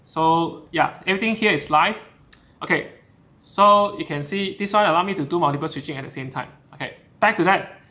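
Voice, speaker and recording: The voice is a little high and fairly quick, sounding pushed and bright, as a man runs a live stream and chats through his setup. He moves between Mandarin and English with plenty of fillers and restarts, recorded on a camera shotgun mic.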